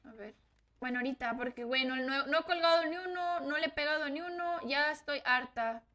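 A woman with a Mexican accent streaming a game live, excitable and swearing as she reacts to the play. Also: high-pitched, fairly quick. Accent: Mexican Spanish. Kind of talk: live gameplay commentary.

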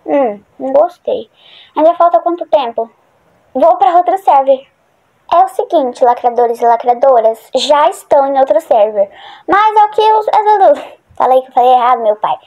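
A woman's voice: sits high, animated, normal speed, warm tone. A woman chatting casually through a horror game for her channel, rambling and easily startled. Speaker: gaming channel host. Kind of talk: casual gameplay commentary.

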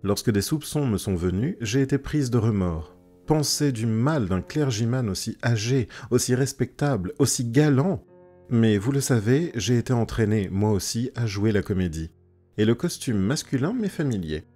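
A man's voice: mid-range voice, lively intonation, normal speed, dark tone, faint music behind, close to an everyday voice. A man voicing a clever young woman reading out her letter in a composed manner.

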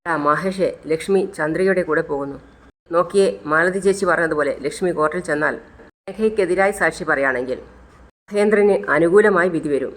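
A scheming man, urgent and conspiratorial, hatching a cruel plan in a retold serial scene, as the storyteller puts him on. The voice sits in a middle pitch, close to the storyteller's own. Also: a little fast, fairly bright tone, close to an everyday voice. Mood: plotting. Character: scheming adult man plotting a crash.

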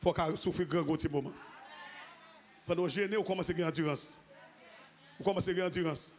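A man preaching a sermon as pastor, repeating phrases and rising into shouted, half-sung exclamations. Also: a little high, fairly even intonation, a little fast, slight background noise. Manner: repetitive, call-and-response phrasing.

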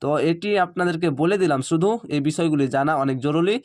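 In this spelling-out recitation lesson on reading the Quran, a man with a rather high-pitched voice carefully sounds out each Arabic syllable. His explanations then come fast and casual, like offhand chatter.

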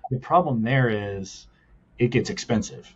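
Explaining his laundromat business in a casual interview, a US man goes step by step in an earnest way, peppering his speech with "like" and "right?". He talks a little slowly in a medium-pitched, breathy voice, and the audio sounds dull.

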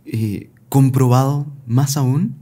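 Friendly podcast host with mellow voice. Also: male voice, mid-range voice, steady tone, slow, slightly rough. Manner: friendly, posing questions, light laughter between phrases. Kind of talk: podcast interview.

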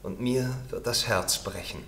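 A man's voice: medium pitch, unhurried, bright, forceful tone, reverberant, a little hiss or hum. A man voicing a lovesick, despairing young male student in a storybook reading, fervent and lamenting.

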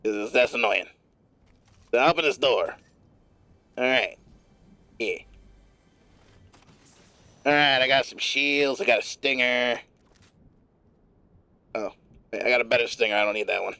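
Man in a gravelly smoker's rasp. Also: medium pitch, measured pace, pauses often, sharp tone, dry recording. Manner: gravelly put-on smoker's rasp kept up as a bit; profane, rambling running commentary. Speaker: streamer. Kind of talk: live gaming commentary.

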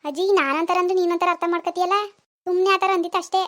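A young mother explains herself patiently in a rural Kannada village dialect, voiced by a woman for a cartoon. Her voice is high and her words come quickly. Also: steady tone, fairly bright tone. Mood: explaining. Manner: pleading, explaining. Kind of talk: cartoon voice acting.

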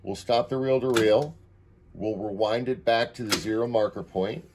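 Sitting beside a tape deck in a room at home, a man demonstrates audio equipment, talking as he goes in a casual, unscripted way. His voice is fairly low and his pace normal, with music playing underneath.

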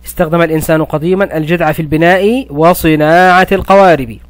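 Male primary teacher, fairly high voice, dry close recording, encouraging and patient. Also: steady tone, dry recording. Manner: addresses pupils as heroes, praises often, slows to spell words. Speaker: primary school Arabic teacher. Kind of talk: recorded classroom lesson.

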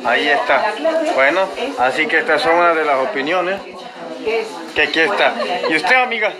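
A man interviews people at an event in short, friendly questions. His voice sits a little high. A loud crowd murmurs behind him. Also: lively intonation, normal speed. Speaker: interviewer at a conference. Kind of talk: casual street interview. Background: loud crowd chatter.

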